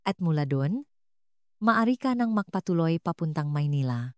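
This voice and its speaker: A woman narrator voicing a kindly hushed older woman. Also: low voice, animated, normal speed, dry recording, studio quality. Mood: urgent. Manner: hushed, soothing. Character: kind older woman sheltering a runaway girl.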